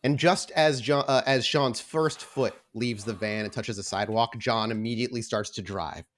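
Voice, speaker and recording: A medium-pitched man serves as game master, improvising descriptive narration for a tabletop role-playing game in a halting, deliberate manner.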